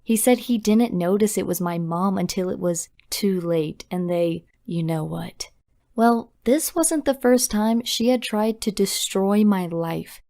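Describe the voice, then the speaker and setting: A young woman narrating a scripted storytime confession in a brisk, dramatic way. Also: medium pitch, lively intonation, dark tone.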